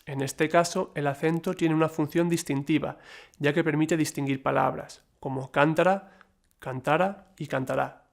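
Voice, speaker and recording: A man reading a scripted lesson in a measured, explanatory way, with the odd slip and filler. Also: on the high side, little pitch movement, creaky. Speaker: lecturer. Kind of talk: scripted educational narration.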